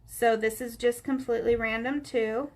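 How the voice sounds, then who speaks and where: A little high in pitch but darkish in tone, her voice is fairly even and moderately paced. This craft instructor has a stuffy nose that makes her sound nasal while she teaches coloring on a live stream, casually talking to viewers by name.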